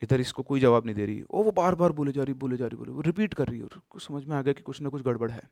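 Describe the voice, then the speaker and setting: A man casually telling a horror story, with emphatic bursts and sudden hushed drops. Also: mid-range voice, fast talker, gravelly, no room sound, studio quality.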